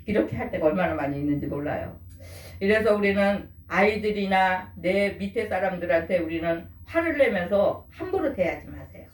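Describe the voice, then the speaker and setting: A woman's voice: mid-range voice, animated, normal speed. An older woman pastor giving a conversational sermon, often putting questions to the congregation. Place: church. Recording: echoey room from far off.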